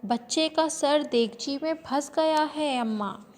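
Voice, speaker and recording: A woman's voice: high-pitched, takes it slowly, voice pushed up. A woman voicing a widowed mother, frantic and tearful, pleading in a wailing voice. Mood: distraught.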